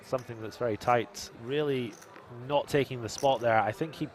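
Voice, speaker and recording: A man's voice: mid-range voice, normal speed. A man commentating a live poker stream, joking and reading viewer chat aloud.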